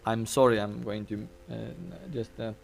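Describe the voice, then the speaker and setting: A man live-streaming a video game chats casually while eating, rambling with many fillers and restarts and talking with his mouth full. His lowish, gravelly voice keeps a level tone at normal speed through a desk mic, with a little hiss or hum.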